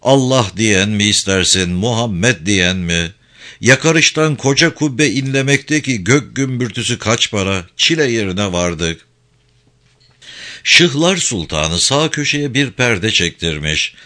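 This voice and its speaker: Male storyteller, low-pitched, forceful, vivid first-person folk tale narration. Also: expressive, takes it slowly.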